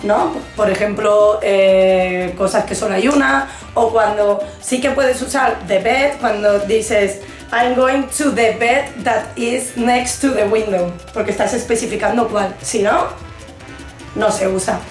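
A woman's voice: mid-range voice, fairly even intonation, slow, roomy sound, soft background music. A woman, explaining English mistakes in a casual co-hosted lesson, teasing her partner. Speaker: co-host teaching English.

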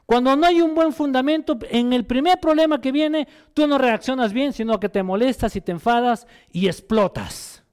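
A man preaching a sermon as pastor, asking the congregation questions and voicing quick quotes. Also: very high-pitched, darkish tone, smooth.

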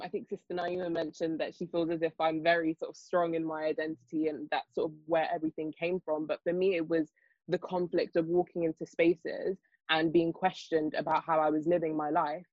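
Quick, hesitant young woman, dry muffled sound. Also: low-pitched, flat delivery, no room sound. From Nigerian heritage, raised in the UK. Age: young adult. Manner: fast, hesitant, lots of fillers and restarts. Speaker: panel guest, children's author. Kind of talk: panel discussion.

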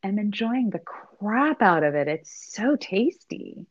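A woman's voice: medium pitch, sing-song, takes it slowly. A woman co-hosting a podcast, chatting casually and rambling with lots of fillers and laughs. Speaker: podcast co-host. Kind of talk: casual chat. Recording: dull lo-fi sound.

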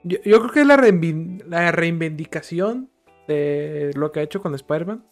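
Wry man with a slightly high voice. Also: expressive, normal speed, faint music behind. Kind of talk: casual chat.

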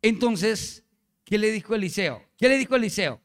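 A male pastor preaching a sermon in a lively, playful way, often asking the congregation questions. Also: high voice, moderate pace.

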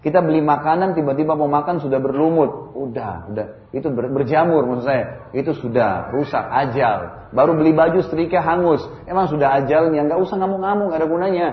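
A man preaching a sermon in an animated way, asking his listeners question after question. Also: fairly high pitch, a little fast, few pauses. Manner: animated, with many rhetorical questions. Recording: roomy, dull lo-fi sound.

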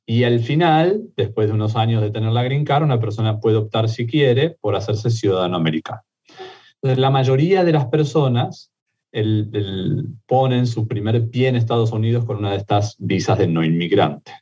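A middle-aged man with an Argentine accent, an immigration lawyer appearing as an interview guest, explains things methodically, with frequent fillers and restarts. His lowish, mellow voice moves at a normal speed, and the sound is lo-fi.

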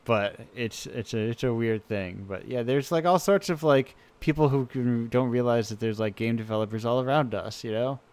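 A man's voice: medium pitch, normal speed, few pauses, darkish tone. A man hosting a radio show, talking in an enthusiastic, rambling way with many restarts. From United States. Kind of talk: casual chat.

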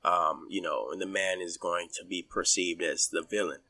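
A man in his forties giving his opinions in a casual podcast chat, halting with many fillers and restarts. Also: low voice, fairly even intonation, bright, forceful tone, no room sound, distant mic. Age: 40s. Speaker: podcast guest.

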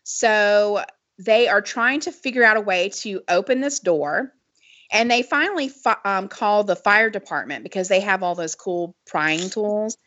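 A woman with a cackling laugh, co-hosting a casual chat podcast as an animated storyteller. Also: mid-range voice, a little slow, no echo. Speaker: podcast co-host. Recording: slightly dull lo-fi audio.

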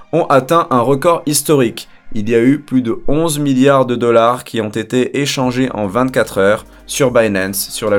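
A man hosts a weekly crypto news show, reading headlines with an upbeat presenter's delivery and the odd joking aside. His voice sits at a middle pitch. Soft music plays faintly under him.

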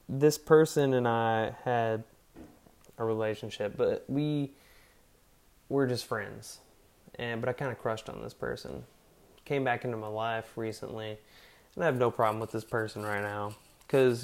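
A man of middling pitch talks alone into his podcast mic. He rambles earnestly, circling back with fillers as he shares faith thoughts in a casual monologue. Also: fairly even intonation, unhurried, pauses often, clear, resonant tone. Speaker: podcast host.

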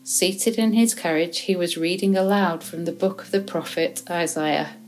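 A woman reading a Bible chapter aloud in a measured, even way, now and then correcting a word. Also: on the low side, rough recording. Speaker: scripture reader.

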